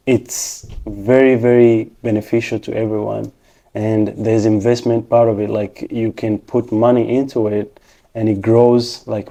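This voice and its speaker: A man from Rwanda with a dark, medium-pitched voice speaks as an interview guest, giving casual answers. A technician and financial professional, he explains things patiently, step by step.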